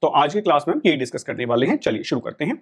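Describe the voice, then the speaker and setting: A man's voice: on the high side, sing-song, racing, husky. A middle-aged man with an Indian accent, giving a classroom lecture as a teacher, explaining patiently and checking in with the students often.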